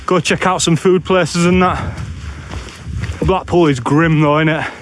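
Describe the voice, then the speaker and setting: High-voiced Bradford man, outdoor noise. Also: fairly even intonation, a little slow. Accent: Bradford, West Yorkshire. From Bradford, West Yorkshire, England. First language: English. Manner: colloquial, dry, blunt northern dialect. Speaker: solo camping vlogger. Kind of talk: casual walking vlog chat. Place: outdoors on open moorland, walking. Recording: outdoor background noise while walking.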